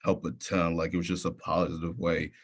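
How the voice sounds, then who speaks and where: Deep-voiced young man telling a story. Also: flat delivery, brisk. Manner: casual, many fillers and restarts. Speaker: youth leader presenter. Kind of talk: personal story in a presentation.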